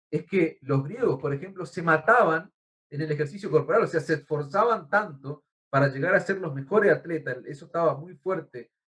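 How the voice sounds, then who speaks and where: A man with an Argentine accent preaching a sermon as pastor, earnest and teacherly, often addressing the congregation as brother. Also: fairly high pitch. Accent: Argentine Spanish. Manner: teacherly, explains words and spells them out.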